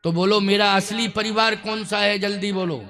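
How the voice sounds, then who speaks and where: A man preaching a devotional sermon, addressing his listeners directly with repeated questions and emphatic, sometimes loud exclamations. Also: high voice, steady tone, moderate pace, faint music behind. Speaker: Ram Katha preacher.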